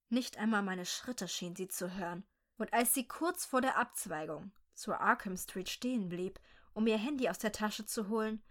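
A woman reading a dark first-person story aloud in a slow, measured, quietly tense way. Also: mid-range voice.

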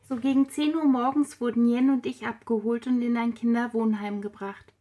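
Woman, storybook narration, somewhat high voice, steady and even delivery. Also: moderate pace. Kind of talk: storybook reading.

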